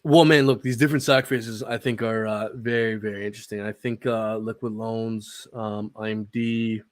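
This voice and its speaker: A man's voice: fairly low pitch, steady tone, normal speed, no room sound, studio quality. A young man in casual conversation about crypto, swearing freely and laughing often. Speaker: crypto podcast guest. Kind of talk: casual chat.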